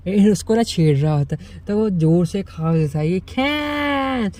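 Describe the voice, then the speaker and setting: Chatty high-voiced man retelling a comic. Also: lively intonation, measured pace, a little mellow. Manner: chatty, keeps saying "bhai". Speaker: manga explainer. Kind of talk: casual storytelling recap.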